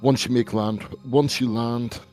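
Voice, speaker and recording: A man's voice: medium pitch, steady tone, a little slow, darkish tone, soft background music, pitched above the performer's own voice. A man voicing a terse male commander who speaks through a tinny radio earpiece and gives clipped orders. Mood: commanding. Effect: tinny radio voice over an earpiece. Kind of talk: game master voicing a character in a tabletop game.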